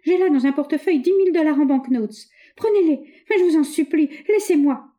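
A woman reading aloud gives a frightened young woman in a storybook tale, her cries leaping high and loud. The voice keeps a mellow warmth under the shrill pleading. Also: very animated, normal speed. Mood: terrified pleading. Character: terrified young woman fighting off an attacker. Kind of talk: audiobook reading.

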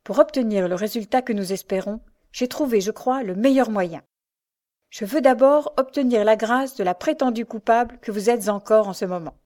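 Une femme qui lit un vieux médecin bienveillant, rassurant, paternel, livre audio. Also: female voice, fairly high pitch, normal speed, a little mellow, close to an everyday voice. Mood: reassuring. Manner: paternal, reassuring. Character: elderly male doctor, kindly and confident. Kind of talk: audiobook character reading.

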